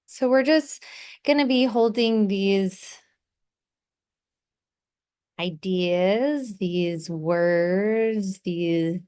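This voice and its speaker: In a smooth, clear, slightly low voice, a woman guides listeners through a meditation at a very slow, calming pace. Her gentle instructions come in short phrases with space left between them.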